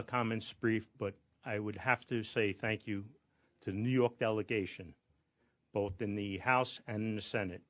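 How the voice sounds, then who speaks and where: A man's voice: medium pitch, a bit bright. A man speaking for fire officers, giving an earnest, rousing prepared speech at a press conference. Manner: earnest, rousing, building to emphasis. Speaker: fire officers' union president.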